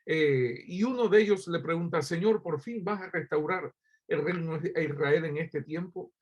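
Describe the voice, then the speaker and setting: A man's voice: on the high side, moderate pace, dull audio. A man from Cuba preaching a sermon as pastor, addressing listeners directly with rhetorical questions and frequent hesitant fillers.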